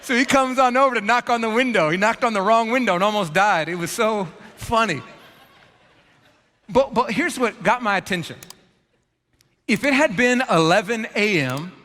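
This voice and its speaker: A man preaching a storytelling sermon, animated and self-deprecating, in a large church auditorium. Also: sits high, normal speed. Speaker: pastor. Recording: long reverb of a large church hall.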